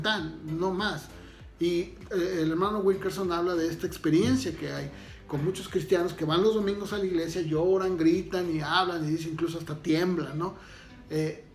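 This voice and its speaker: A man pastor talks through a sermon in an easy, searching way, pausing on fillers and restarting phrases. His voice sits a little high. The room gives it a noticeable echo, with faint music behind. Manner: unhurried, thinks aloud with fillers and restarts. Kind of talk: conversational sermon.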